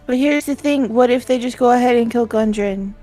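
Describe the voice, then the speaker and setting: A woman's voice: a little high, fairly quick, mellow. A woman chatting casually as a player in a tabletop roleplaying game. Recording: music behind the voice.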